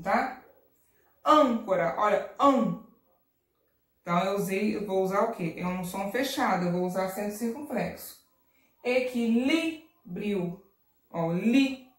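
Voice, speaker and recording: Patient woman teacher in an echoey room. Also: mid-range voice. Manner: patient, drawn-out word stress, frequent "tá?" and "ó". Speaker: primary school teacher. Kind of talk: recorded remote lesson. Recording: echoey room, distant mic.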